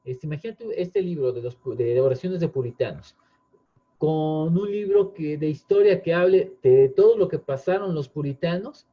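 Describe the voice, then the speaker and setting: A man's voice: on the high side, lively intonation, moderate pace. A man, earnestly explaining in casual chat, often restarting with fillers. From Mexico. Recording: dull lo-fi sound.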